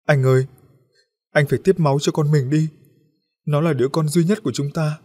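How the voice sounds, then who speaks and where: A desperate young mother begs through her sobs, as a man puts her on. The voice climbs high and gets loud, with a husky edge beneath the strain. It comes from a spoken storybook. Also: steady tone, brisk, natural voice. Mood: sobbing, pleading.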